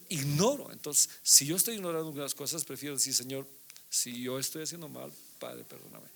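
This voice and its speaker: Middle aged guy pastor doing a sermon, kinda higher voice, gravelly, talks to the congregation like a chat. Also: fairly bright tone. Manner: conversational preaching, frequent tag questions.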